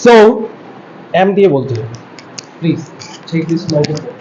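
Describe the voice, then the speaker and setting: A man's voice: animated, slow pace, warm tone, a little hiss or hum. A man in his twenties teaching an English class, coaxing students in Bengali and English. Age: 20s. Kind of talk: classroom lesson. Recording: dull low-fi room audio.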